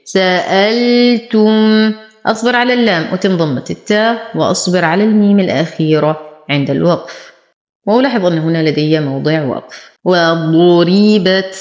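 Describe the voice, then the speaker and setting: A woman teaching Quran recitation rules, explaining each letter and then reciting the words slowly and drawn out. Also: lowish voice, reverberant. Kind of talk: slow tajweed lesson with drawn-out recitation.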